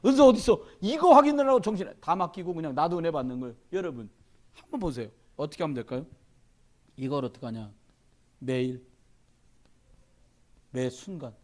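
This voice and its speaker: A middle-aged man preaching a sermon as pastor, telling stories with lively quoted dialogue. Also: a little high. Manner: animated storytelling, shouting in quoted dialogue.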